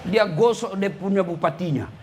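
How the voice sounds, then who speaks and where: An Indonesian man, an Islamic preacher, gives a funny, animated sermon, teasing the congregation and speaking to them directly. His voice is high and his pace normal, and the recording is very noisy.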